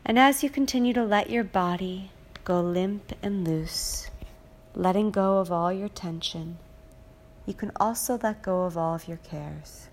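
Slow, soothing woman guiding relaxation. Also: mid-range voice, a little hiss or hum. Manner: slow, soothing, repetitive, drifts into soft whispers. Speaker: relaxation guide. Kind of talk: guided hypnosis relaxation script.

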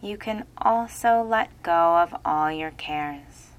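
A woman guides a listener into deep relaxation with a low, smooth, clear voice at an unhurried, drawn-out crawl. Each phrase is soft, soothing and repetitive, like a hypnotherapist's script.

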